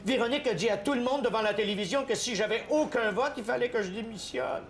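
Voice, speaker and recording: A man's voice: very high-pitched, quick pace, a little hiss or hum. A man with a Quebec French accent playing a bumbling, hesitant character in a sitcom sketch, stammering often. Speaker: sketch comedian.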